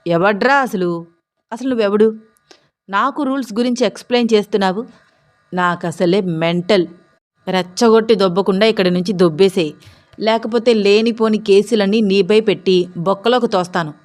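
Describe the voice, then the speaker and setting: A woman's voice: medium pitch, moderate pace, natural voice. A woman voicing a rude, drunk, corrupt male head constable who bullies and mocks. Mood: mocking. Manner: bullying, mocking, shouting.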